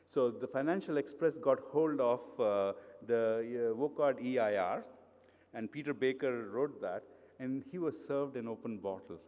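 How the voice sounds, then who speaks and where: A middle-aged man with an Indian accent speaks at a conference in a hotel hall, his conversational talk filled with fillers and restarts. His mid-range voice is a little mellow at normal speed, and the recording carries a long hall reverb.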